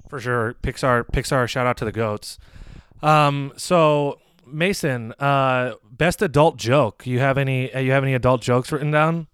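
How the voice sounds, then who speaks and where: A man in his twenties co-hosting a casual movie review podcast, rambling with lots of fillers and getting animated when retelling jokes. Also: mid-range voice, a little slow, smooth, no echo. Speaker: podcast co-host.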